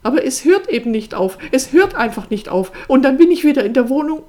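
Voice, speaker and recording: A woman reading aloud voices a volatile, distraught young woman with a shrill, hissing voice. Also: big pitch swings, takes it slowly, exaggerated voice. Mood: desperate. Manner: lurching between fury and despair.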